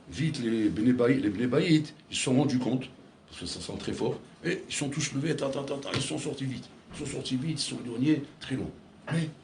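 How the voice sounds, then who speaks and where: A man's voice: medium pitch, slight background noise. A man giving an impassioned sermon as a rabbi, telling a story with many repeated phrases and direct calls to his listeners.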